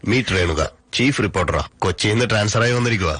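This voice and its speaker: A man voicing a newspaper editor in a dubbed film, talking in a calm, authoritative way. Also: lowish voice, quick pace, slightly rough, no echo.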